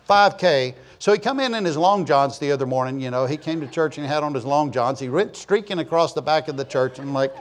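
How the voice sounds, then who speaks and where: This preacher in his sixties talks a little fast with few pauses, in a fairly high voice. His church sermon is rambling and folksy, full of jokes, stories, and chatty comments to the congregation.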